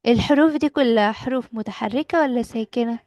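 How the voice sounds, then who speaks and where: A young woman teacher with an Egyptian Arabic accent gives a patient lesson to a child. Her voice sits a little high, and she quizzes and echoes the answers back. The sound is close and dry. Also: fast talker, a little mellow. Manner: patient, asks questions and repeats answers back. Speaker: English teacher.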